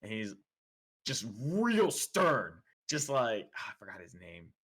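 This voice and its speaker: A young man with a fairly low voice co-hosts a casual podcast. He tells laid-back stories, loaded with slang and quick impressions of the people in them. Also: huge pitch swings, a bit bright, slightly rough. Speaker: podcast co-host. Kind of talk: casual chat.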